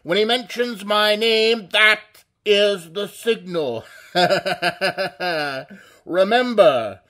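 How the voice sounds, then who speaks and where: A man's voice: high voice, very slow, sharp tone, exaggerated voice. An actor playing a suave, mocking male mystery vigilante in a 1930s-style radio drama, with a theatrical, menacing delivery. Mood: taunting. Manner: theatrical, menacing laugh, hypnotic intonation.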